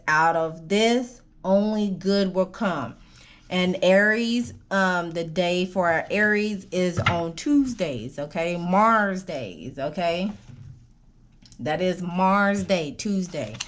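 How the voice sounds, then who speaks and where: A woman giving a casual spoken tarot reading, meandering with fillers and restarts, often checking in with "okay?", and coughing now and then while she recovers from an illness. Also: medium pitch. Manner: coaching, keeps asking "okay?". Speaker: tarot reader.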